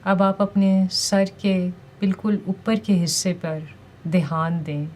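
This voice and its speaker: Speaking at a medium pitch, a woman leads a guided meditation. Her instructions are calm, gentle and deliberate, and she pauses between phrases.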